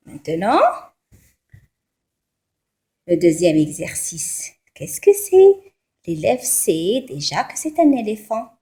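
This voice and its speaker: Woman, young teacher for small children, very slow, spells it all out, lively rising and falling voice. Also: medium pitch. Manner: slow, spells out syllables and letters. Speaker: French teacher. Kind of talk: slow primary-school French lesson.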